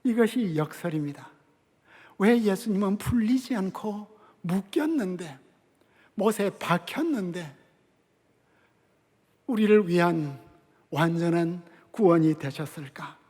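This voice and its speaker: An older man preaching a sermon as a guest pastor, emphatic and measured, with dramatic pauses and hushed drops in his voice. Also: high voice, lively intonation. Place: large church sanctuary. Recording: long church hall reverb.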